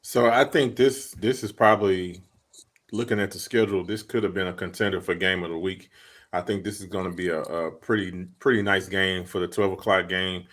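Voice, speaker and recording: Deep-voiced man rambling through football picks. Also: fairly even intonation, fairly quick, fairly bright tone. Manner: rambling, repeats words as he thinks. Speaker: podcast co-host. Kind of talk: casual sports chat.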